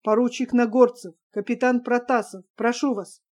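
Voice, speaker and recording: A woman's voice: on the high side, fairly even intonation, moderate pace, a little mellow, lightly acted. Woman reading as Stavtsev, a stern officer. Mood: solemn. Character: stern male lieutenant colonel, commanding.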